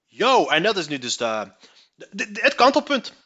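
Young adult male streamer, high and sharp-toned, crude, mocking running commentary. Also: wildly swooping pitch, normal speed, breathy edge, dull audio. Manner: crude, mocking, laughs often. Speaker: streamer reacting to a news item. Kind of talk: casual profane commentary.

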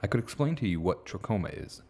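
A man hosting a podcast, reading scripted narration in a steady, even way. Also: lowish voice, fast. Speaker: podcast host.

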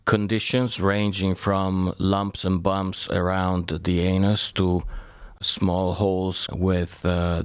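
Low-voiced Italian-born man explaining carefully. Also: dry recording. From Italy. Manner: measured, formal explanations. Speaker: guest surgeon and researcher. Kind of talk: podcast interview.

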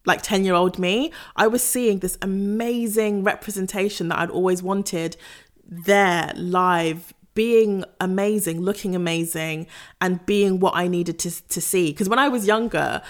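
A young woman appearing as a podcast guest tells a story in relaxed, casual chat, taking her time. She laughs along the way and acts out quotes in a high voice.

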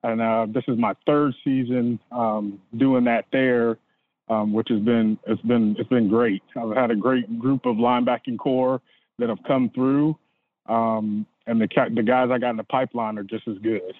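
A man's voice: medium pitch, fairly even intonation, normal speed. A middle-aged man from Indiana, a football coach, answering interview questions in an earnest, hesitant way with many fillers. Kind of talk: casual interview. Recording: dry, phone-like remote line.

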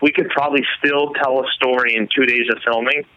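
A man's voice: medium pitch, steady tone, a little fast, bright, forceful tone, muffled recording, slight background noise. A man who makes hunting films, explaining his process in a casual interview, rambling with fillers and restarts. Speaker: hunting filmmaker guest.

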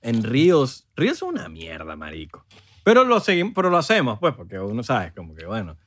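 A man's voice: mid-range voice, wildly swooping pitch, a little fast, fairly bright tone. A man with a Venezuelan accent co-hosting a casual comedy podcast, teasing and joking through the banter. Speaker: podcast co-host.

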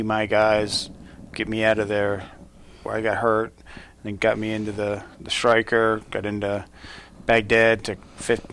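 Lowish male voice, earnest storyteller, lots of "like", faint room noise. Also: fairly bright tone. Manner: rambling, many fillers and restarts, earnest. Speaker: group member. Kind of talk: casual personal story.

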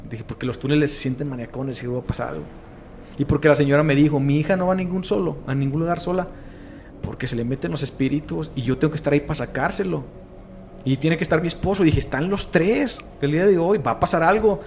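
Animated Mexican man telling a story. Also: fairly high pitch, quick pace, slight background noise. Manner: animated, acts out quoted voices in slang-heavy chat. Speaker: guest storyteller, paranormal content creator. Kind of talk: casual conversational storytelling.

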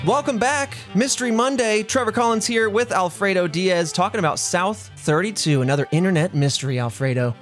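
A man's voice: high voice, brisk, few pauses, faint music behind. A man hosting a podcast, explaining a story in a casual, conversational way. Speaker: podcast host.

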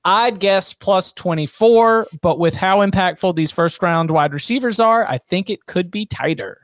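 A man's voice: high voice, moderate pace, no echo, clean studio sound. A man co-hosting a casual sports podcast, playful and emphatic. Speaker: podcast co-host.

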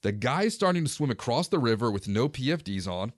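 A man's voice: mid-range voice, fairly quick, dry recording, clean studio sound. Man in his forties telling a fishing story. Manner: relaxed, conversational recounting. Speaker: fishing vlogger. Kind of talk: casual first-person storytelling.

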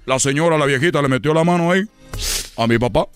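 A rambling, repetitive comic storyteller, a man putting on the role in a radio comedy sketch. The voice sits high and sounds smooth and clear, and he chuckles at his own jokes as he goes. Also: quick pace, soft background music, natural voice. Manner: rambling, repeats himself, laughs at own jokes. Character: rambling man, son of a dictator.

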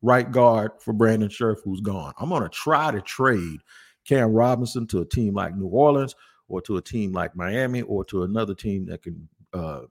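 A man's voice: fairly low pitch, normal speed. A man hosting a sports podcast, talking through roster moves in a casual, conversational way and often repeating words for emphasis. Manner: conversational, thinks aloud with restarts and emphatic repeats. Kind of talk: casual sports talk with host-read ads.

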